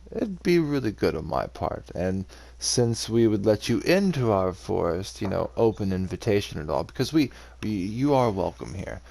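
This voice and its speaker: A man's voice: on the low side, gravelly, darkish tone. A man voicing a wary, suspicious male forest soldier who asks probing questions with hesitant fillers.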